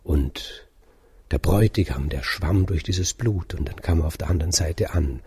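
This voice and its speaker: A man telling a fairy tale aloud in a calm, measured way, dropping at times to a soft whisper. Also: low-pitched, breathy edge. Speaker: storyteller. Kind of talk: oral fairy-tale storytelling.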